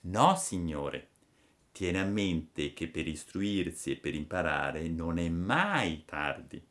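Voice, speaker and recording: A man voicing a soft, stern fairy mother. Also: big pitch swings. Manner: soft, low and measured, slow and admonishing. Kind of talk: storybook reading.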